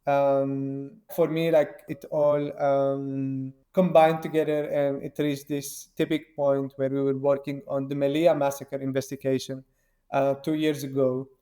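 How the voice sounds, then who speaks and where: Hesitant man from Syria, flat mellow voice. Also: mid-range voice, unhurried. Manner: hesitant, with many ums and restarts. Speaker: open-source investigator, guest. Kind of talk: interview answers.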